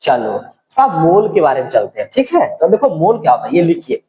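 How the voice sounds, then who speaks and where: A man's voice: a little high, huge pitch swings, brisk, reverberant, low-quality recording. A middle-aged male teacher giving a chemistry lecture, talking casually and keeping his voice down at night. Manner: casual, keeps checking in with "ठीक है"; speaking softly, holding his voice down. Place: room at night.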